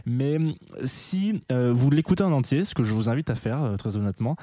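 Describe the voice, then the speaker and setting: A young man hosts a live radio show from a studio on a dry recording, his mid-range voice expressive, dark-toned, and a little quick. He chats casually and rambles with lots of fillers and restarts, laughing at himself in a self-mocking way.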